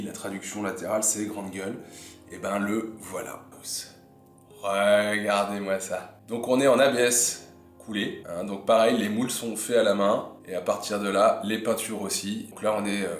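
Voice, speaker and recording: A man hosting a casual unboxing vlog, chatting admiringly about what he shows and often dropping to a soft murmur. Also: on the low side. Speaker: fishing channel host. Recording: echoey room with faint music.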